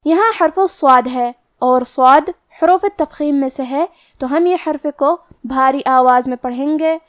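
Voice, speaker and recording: Woman, high voice, Quran recitation teacher; methodical step-by-step explainer, slow drawn-out recitation. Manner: methodical, explains each letter rule step by step; recites verses very slowly and drawn out.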